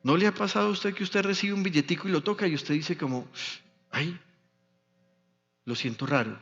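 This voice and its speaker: A man with a Medellín Colombian accent preaching a sermon as a pastor, telling stories slowly and with emphasis. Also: sits high, a bit bright. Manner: storytelling, slow and emphatic. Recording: dull sound with long hall reverb.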